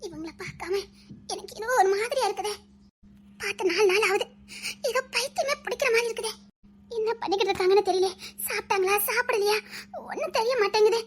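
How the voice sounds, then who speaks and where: A lovesick young woman from an animated story, voiced by a woman pines plaintively with a Tirunelveli accent. Her voice is very high and almost childlike, and the words come quickly. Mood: pining. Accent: Tirunelveli Tamil. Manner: pining, plaintive.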